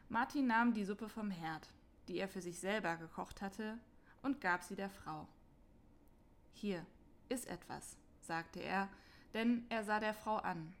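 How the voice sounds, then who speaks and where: A woman reads a children's Christmas story aloud in a calm, clear manner. Her pace is slow and deliberate, with a pitch right in the middle of the range for a woman.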